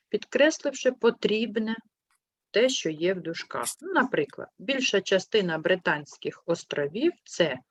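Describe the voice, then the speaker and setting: A woman teaching a primary school class, patient and clear, asking questions and gently correcting her pupils. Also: no room sound. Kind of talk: online class lesson. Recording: muffled low-fidelity sound.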